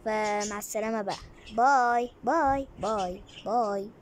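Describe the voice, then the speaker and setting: A woman's voice: mid-range voice, normal speed, a little hiss or hum. A woman with an Egyptian accent hosting a gaming channel, closing her video in a chatty, repetitive way. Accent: Egyptian Arabic. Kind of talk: video outro.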